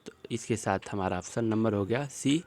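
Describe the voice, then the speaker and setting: A man with a lowish, slightly mellow voice teaches an exam-prep lesson, working through spelling questions on a screen. He slowly repeats each word as he explains it.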